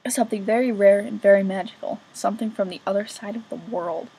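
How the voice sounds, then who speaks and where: A woman voicing a hearty, jovial navy captain father with a booming manner. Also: steady tone, fast, mellow, breathy edge, rough recording.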